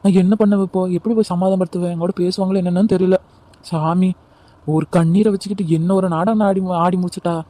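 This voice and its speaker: Man voicing a scornful young daughter-in-law, cartoon, high pitched, fast, dark dry sound. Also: fairly even intonation, lightly acted. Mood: defensive. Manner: scornful, defensive. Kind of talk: amateur cartoon voice acting.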